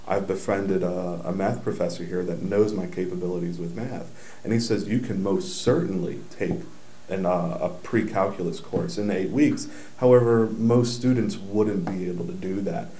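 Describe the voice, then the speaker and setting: Deep-voiced man in his thirties. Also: steady tone, normal speed, warm tone. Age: 30s. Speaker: community college student. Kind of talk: interview answers. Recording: roomy echo, faint hiss.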